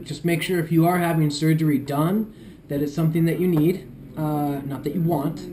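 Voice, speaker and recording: A man giving an unscripted video diary as a patient, talking in a halting, groggy, medicated-sounding way. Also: on the high side, dark tone. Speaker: patient recording a recovery vlog.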